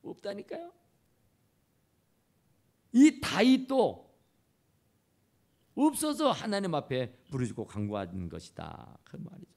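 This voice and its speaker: A man's voice: mid-range voice, wildly swooping pitch, moderate pace, vocal fry, hardly any pauses. A man preaching a sermon as pastor in a church, impassioned and repeating his phrases for emphasis. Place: church sanctuary. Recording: church camera recording.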